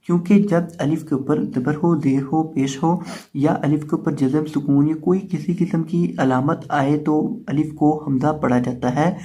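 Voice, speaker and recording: A man teaching Quran reading with an Urdu accent, patiently explaining letters and reciting each syllable slowly and more loudly. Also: fairly high pitch, steady tone. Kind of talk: step-by-step recitation lesson.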